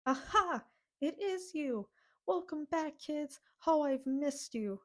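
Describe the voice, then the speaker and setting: A woman's voice: medium pitch, expressive, a little slow, a little mellow, lightly acted. A woman voicing a fatherly older male alien saloon owner who fusses and scolds, calling the others kid. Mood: delighted.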